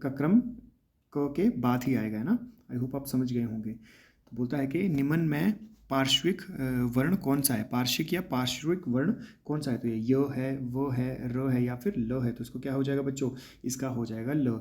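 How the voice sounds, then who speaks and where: Mellow-voiced man teaching exam questions. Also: medium pitch. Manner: explains patiently, asks and answers his own questions. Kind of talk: exam prep lesson.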